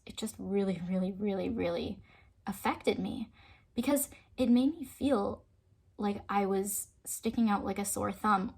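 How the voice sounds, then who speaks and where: Husky, gravelly-voiced woman telling her story. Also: medium pitch. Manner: earnest, emotional retelling, drops to a soft hush at times. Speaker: fitness vlogger. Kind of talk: personal storytime.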